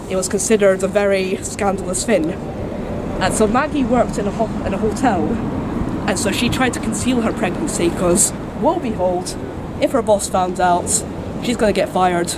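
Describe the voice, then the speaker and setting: A tour guide tells a story in a casual, wryly funny way at a middling pitch. The recording is made outdoors, with loud street and car noise all around the voice. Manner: chatty, wry humour, mild swearing. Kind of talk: informal spoken storytelling to a tour group. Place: outdoors on a city street, cars behind.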